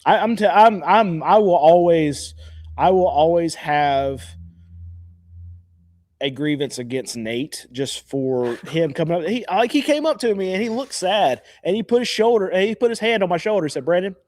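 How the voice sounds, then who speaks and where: A man's voice: high voice, expressive, normal speed, a little mellow, dry recording, studio quality. A man who runs a used car lot, chatting casually and grumbling in a mock-sad way, with lots of restarts. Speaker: used car dealer and channel host. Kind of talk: casual chat to camera.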